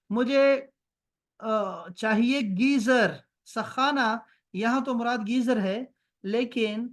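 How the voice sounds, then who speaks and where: A male teacher from Pakistan leads an online Arabic class over a video call. He drills each word slowly and repeats it several times. Between words he breaks into brisk, strict reminders to his students. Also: high voice, fairly bright tone. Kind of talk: online language lesson.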